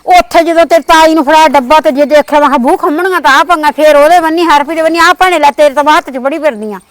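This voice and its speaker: Woman doing a punjabi auntie, high voice, talks quick and defensive, dry close sound. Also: dry recording, lightly acted. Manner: rapid, explaining, insistent village talk. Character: visiting paternal aunt, middle-aged woman, defensive. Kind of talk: amateur village short drama.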